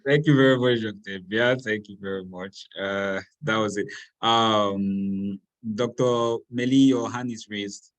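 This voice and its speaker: A man's voice: fairly low pitch, steady tone, measured pace. A man, moderating a webinar over a video call in an easygoing way. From Cameroon. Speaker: webinar host.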